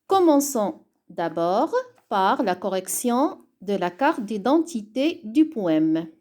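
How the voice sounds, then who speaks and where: Very slow-speaking woman teacher. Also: medium pitch, big pitch swings, a little mellow. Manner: slow, deliberate, spelling things out. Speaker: primary school teacher. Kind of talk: online reading lesson.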